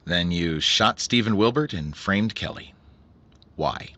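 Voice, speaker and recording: A man playing a measured, wry noir detective, a principled investigator narrating his case in an old-time radio drama. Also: low voice, lively intonation, bright, forceful tone, exaggerated voice. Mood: grave, probing.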